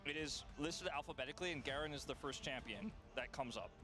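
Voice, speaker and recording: A man's voice: a little high, quick pace, music in the background. A man commentating a professional esports match, explaining rules at length with playful asides. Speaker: esports caster. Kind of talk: play-by-play commentary.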